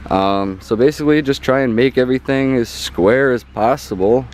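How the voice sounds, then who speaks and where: A man's voice: medium pitch, normal speed, a little mellow, slight background noise. A man giving a casual hands-on demonstration outdoors in a yard, often checking in with "okay?" and filling gaps with ums. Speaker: hobbyist explaining a homemade astrophotography mount.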